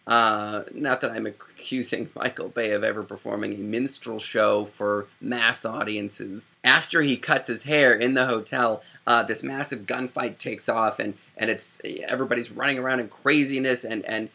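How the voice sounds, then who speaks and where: A young man from the Chicago area, riffing sarcastically and rambling through a casual comedic vlog, with quick impressions. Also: mid-range voice, fairly even intonation, gravelly, bright, forceful tone. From Chicago area, Illinois. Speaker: video host.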